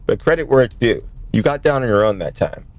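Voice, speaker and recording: A man's voice: mid-range voice, animated, a little fast, darkish tone, dry recording. A man streaming a visual novel, joking and chatting with his viewers as he reads. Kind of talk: casual let's-play commentary.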